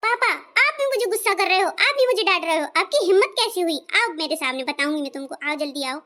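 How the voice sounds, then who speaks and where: A woman's voice: high voice, fairly even intonation, fast talker, pushed and bright. A woman playing a spoiled, bossy young daughter-in-law in a comedy skit, scornful and threatening. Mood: indignant.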